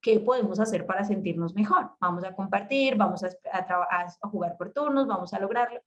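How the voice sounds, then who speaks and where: A woman leads a talk for parents, her delivery animated and emphatic. Her voice sits in an ordinary middle pitch, and she often turns to address the listeners directly. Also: a little fast, lo-fi sound. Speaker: parenting educator.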